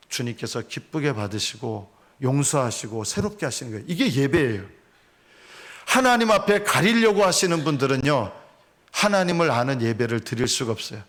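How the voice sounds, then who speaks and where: Earnest pastor. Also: male voice, medium pitch, fairly bright tone. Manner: earnest, rhetorical questions to congregation. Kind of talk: sermon.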